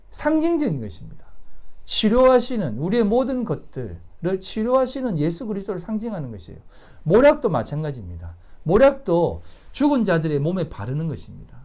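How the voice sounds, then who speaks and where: Lively-pitched pastor preaching emphatically. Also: male voice. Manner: emphatic, asks the congregation rhetorical questions. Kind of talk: Sunday sermon. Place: church service.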